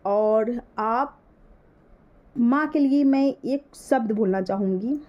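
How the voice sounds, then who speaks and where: A woman's voice: a little high, slow pace. A woman vlogger talks casually to her phone while seated at home, speaking earnestly and lecturing the person she addresses. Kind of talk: casual talking-to-camera vlog. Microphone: handheld phone. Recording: dull lo-fi phone audio.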